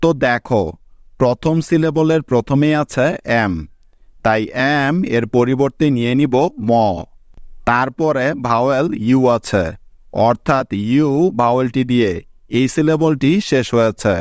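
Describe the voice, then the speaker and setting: A man teaches English phonics in a steady, mid-pitched voice. He explains each step patiently and checks in with his learners. The recording is close and dry. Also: a little slow, dry recording. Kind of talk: phonics lesson for viewers.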